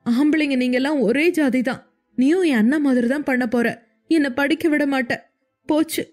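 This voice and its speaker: A woman voicing a tearful, desperate young female student who pleads and sobs in a high voice. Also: close to an everyday voice. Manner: sobbing, high-pitched pleading.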